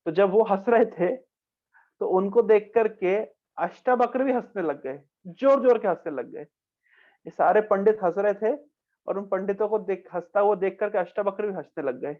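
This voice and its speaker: A man's voice: high-pitched, normal speed. A man teaching a scripture lesson, telling a story in repeated phrases, with quoted dialogue and chanted verses. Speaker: spiritual teacher. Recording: tinny phone-like recording.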